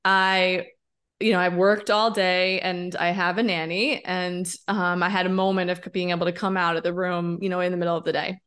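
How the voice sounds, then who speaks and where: A woman in her thirties co-hosting a podcast, talking in an emphatic, expressive, candid way and often tossing in a rhetorical "right?". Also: on the low side, normal speed, clear, resonant tone. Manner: candid, occasionally swearing. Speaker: podcast co-host. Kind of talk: casual podcast conversation.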